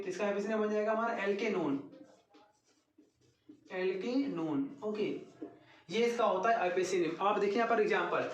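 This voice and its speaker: A male teacher takes the class through a chemistry lesson at an unhurried pace. He repeats each formula and keeps asking questions that he answers himself. His voice sounds roomy and echoey. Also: sits high. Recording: echoey room.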